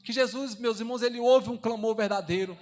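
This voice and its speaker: A young deacon preaches in a church with a strikingly high voice for a man. He repeats phrases fervently and moves between raised, urgent passages and soft, hushed ones. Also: brisk. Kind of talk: sermon.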